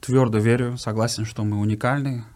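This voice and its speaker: A man's voice: medium pitch, fairly even intonation, brisk, a little mellow. A man speaks conversationally as an interview guest, earnestly repeating words for emphasis. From Uzbekistan. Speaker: guest giving his views.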